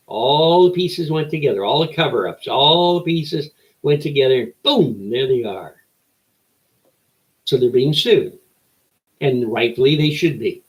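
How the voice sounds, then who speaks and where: A man's voice: medium pitch, poor audio. An older man delivering a rambling opinion monologue as an old man's folksy rant, with rhetorical questions and short emphatic phrases. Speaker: show host.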